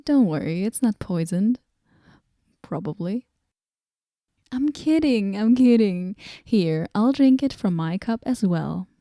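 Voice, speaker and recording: A woman voicing a moody, aloof female goddess in a whispered role-play, talking with dry sarcasm and drifting into soft whispers. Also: mid-range voice, expressive, slow, no room sound.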